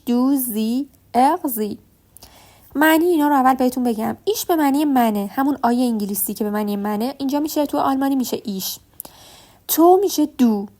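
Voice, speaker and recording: A woman teaching a beginner language lesson, explaining step by step and slowly repeating sounds for the learner. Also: high-pitched, dark tone.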